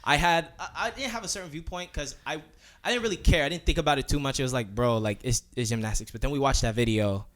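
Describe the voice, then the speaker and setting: A man co-hosting a casual podcast who talks in a loose, animated way, full of restarts and fillers. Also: mid-range voice, fast talker. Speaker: podcast co-host.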